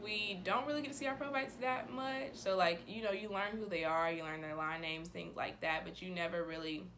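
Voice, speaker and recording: A woman's voice: fairly low pitch, fairly even intonation, brisk, background noise. A woman in her twenties chatting casually to camera in a bubbly, enthusiastic sorority-girl manner. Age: 20s. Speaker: vlogger, sorority member.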